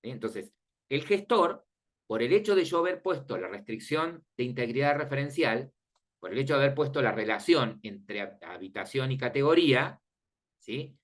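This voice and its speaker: In a classroom lecture on databases, a man explains things step by step and keeps checking that the students are following, all in an informal, friendly way. His mid-range voice has lively intonation and a moderate pace.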